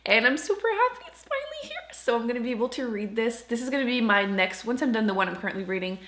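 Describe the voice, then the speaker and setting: This woman, a book reviewer who hosts her own channel, speaks to the camera in a chatty, informal way and stresses key words. Her voice is fairly high, sing-song, quick and a little bright. The room gives the recording a noticeable echo.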